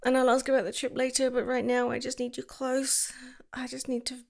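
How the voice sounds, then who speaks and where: In this affectionate ASMR girlfriend roleplay, a woman with a high, monotone, creaky voice talks a little fast. She alternates between gushing and squealing, then drops into soft whispers.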